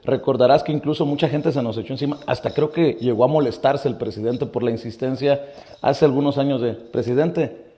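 A middle-aged host from Mexico puts insistent questions to his guest, with a light sarcastic edge. His voice is mellow and warm. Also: mid-range voice, steady tone, a little fast, a little hiss or hum. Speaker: interviewer, host. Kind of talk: conversational interview questions. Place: indoor office with wooden cabinets.

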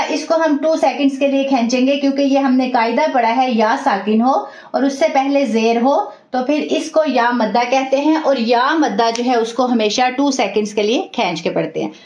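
A high-pitched woman teaching a recitation lesson, patiently repeating each rule step by step and praising her students warmly. The recording sounds echoey and slightly dull. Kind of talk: tajweed lesson.

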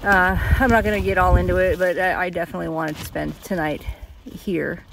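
Brisk and gravelly, with fairly even intonation and a fairly low pitch, the woman in her fifties vlogs casually to a phone held at arm's length on a long-distance hike. This thru-hiker is chatty and plain-spoken, with many fillers and restarts, recording on a mountain meadow and later in a small tent, with slight background noise.

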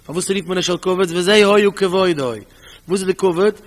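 A man, a rabbi, teaching a Talmud lesson in an animated way, reading out the source text, explaining it, and asking rhetorical questions. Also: high voice, fairly quick. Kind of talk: Talmud study lecture. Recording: long hall reverb.

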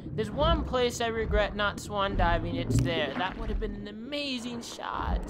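A woman giving relaxed gameplay commentary, speaking slowly at a middle pitch. She chats easily and thinks aloud as she plays. Loud game audio sits under her voice. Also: very noisy. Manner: chatty, easygoing, thinking aloud. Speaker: gaming channel host.

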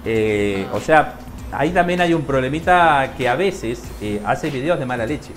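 Sex: man. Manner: halting live-stream chat, many fillers. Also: mid-range voice, expressive, faint music behind.

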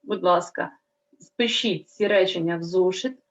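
Slow, careful woman teacher. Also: lowish voice, dull audio. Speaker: primary school teacher. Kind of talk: recorded lesson for children.

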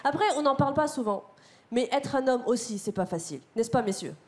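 A woman performing a stand-up comedy set on a theater stage, talking to the crowd in an animated, slangy way. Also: on the high side, brisk. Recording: live theater with loud crowd noise. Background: audience laughter.

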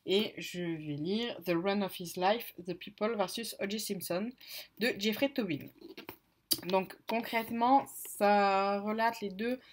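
A woman's voice: medium pitch, slow pace, slight background noise. A woman casually presenting her reading list, hesitant, with many fillers and self-corrections. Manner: apologetic about pronunciation. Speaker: book vlogger. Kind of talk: casual book haul chat.

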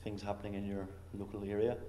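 A man speaking reflectively as a visiting artist, often pausing to search for words. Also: fairly low pitch, little pitch movement, mellow. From Northern Ireland. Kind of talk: casual panel talk. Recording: roomy hall with faint noise.

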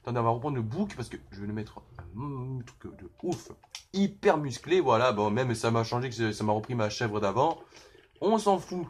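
A young man giving casual, excitable let's-play commentary, full of slang and outbursts at the game. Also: mid-range voice, normal speed, slight background noise. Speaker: gaming youtuber.

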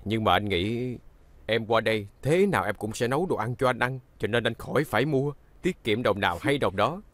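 A man's voice: mid-range voice, brisk, no room sound, natural voice. An actor playing an easygoing young journalist who teases his fiancée but turns firm. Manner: teasing, relaxed, firm when crossed. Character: easygoing, joking young man, protective of sister.

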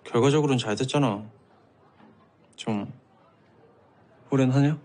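A man's voice: medium pitch, a little slow, a little mellow, natural voice. A young actor playing an awkward, teasing male student in a TV drama, talking bluntly and informally. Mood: bantering. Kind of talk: TV drama acting.

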